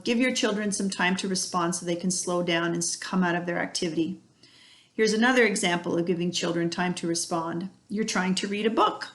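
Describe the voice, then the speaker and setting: A woman's voice: mid-range voice, fairly bright tone. A middle-aged woman, an early childhood educator, giving parents practical advice in a friendly way and illustrating each point with everyday examples. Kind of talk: instructional talk to parents.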